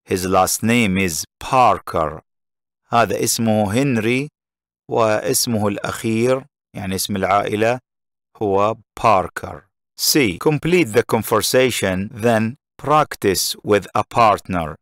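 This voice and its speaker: A man with a lowish voice teaches a textbook English lesson. He reads each English line slowly and then explains it in Arabic. The recording is dry and close. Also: a bit bright, no echo.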